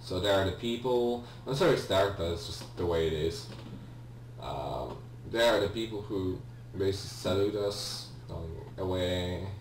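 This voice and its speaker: A let's player speaks a little slowly in a low-pitched voice, giving relaxed game commentary. He wanders between thoughts, hesitating and often correcting himself, and a faint hum sits in the roomy, distant recording.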